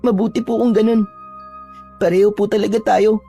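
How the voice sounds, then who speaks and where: A young aswang in hiding, polite and frightened, pleading in an even, flat tone, as a woman acts it out. Her voice is dark and mellow, and faint music plays beneath the horror-story telling. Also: medium pitch, moderate pace, gravelly, natural voice. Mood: earnest pleading. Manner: respectful, earnest, soft-spoken pleading.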